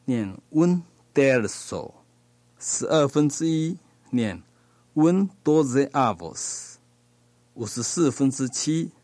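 A man teaching a language lesson, reading words slowly and pronouncing each one with care. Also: mid-range voice, a little mellow, no echo. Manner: slow, deliberate, pronouncing each word carefully. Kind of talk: slow recorded language lesson.

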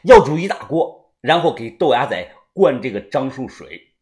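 A man's voice: mid-range voice, sing-song, moderate pace, darkish tone. Dramatic man telling a story. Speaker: audiobook narrator. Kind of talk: serialized storytelling.

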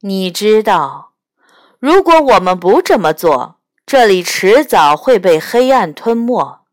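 A woman's voice: mid-range voice, sing-song, slow pace, dry recording, studio quality. A woman voicing a cold, scheming bird spirit with a grand, haughty and insistent manner, in a storybook reading.

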